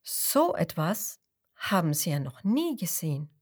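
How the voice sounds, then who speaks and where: A woman reading a children's story aloud, taking her time with every phrase. Her pitch moves in a lively, sing-song way, and at tense moments she drops to a soft whisper. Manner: slow, expressive, sometimes dropping to a whisper.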